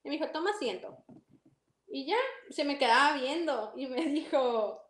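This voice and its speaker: A young woman with a Mexican accent tells her story animatedly and acts out each exchange with a high, bright voice. Her voice rings in an echoey room. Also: normal speed. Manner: animated, acts out dialogue, laughs often. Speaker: interview guest. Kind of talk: casual storytelling.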